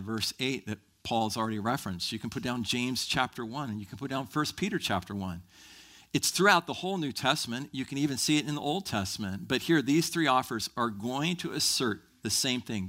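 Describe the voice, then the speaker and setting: Guy preaching a sermon, bright crisp voice, gets fired up and emphatic. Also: medium pitch. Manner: animated, emphatic preaching with rising intensity. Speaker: pastor.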